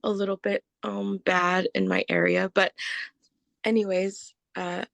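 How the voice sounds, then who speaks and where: A woman's voice: medium pitch, little pitch movement, unhurried, vocal fry, no echo. A woman from Guam introducing herself apologetically on an online call. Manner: apologetic, laughing lightly. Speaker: participant.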